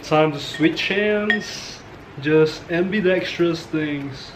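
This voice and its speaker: Slow, playful young man vlogging. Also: on the high side, background noise. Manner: playful, jokey, talks to viewers while whisking. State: tired and a bit out of breath. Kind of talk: casual cooking vlog chat.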